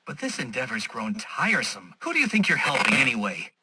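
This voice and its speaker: An actor playing a smug, condescending genius villain in a video game, sarcastic, theatrical and pompous. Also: male voice, medium pitch, huge pitch swings, brisk, heavy background noise. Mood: smug, superior.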